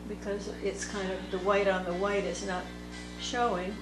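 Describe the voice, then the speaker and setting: A woman teaching watercolor, thinking aloud slowly as she paints at a table. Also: mid-range voice, level tone. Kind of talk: unscripted painting tutorial narration. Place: indoor table workspace. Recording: echoey room with background music. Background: soft instrumental music.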